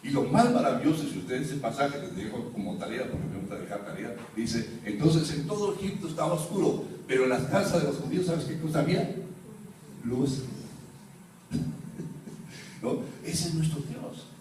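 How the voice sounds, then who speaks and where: Echoey pastor preaching from afar. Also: male voice, medium pitch, lively intonation, normal speed, darkish tone. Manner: teaching with questions to the congregation. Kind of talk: sermon. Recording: roomy echo, mic far off, faint room noise.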